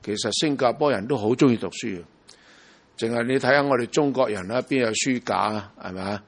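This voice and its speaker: A man's voice: medium pitch, brisk. A man from Hong Kong preaching a sermon in a Hong Kong Cantonese accent. He talks emphatically and keeps asking the congregation rhetorical questions.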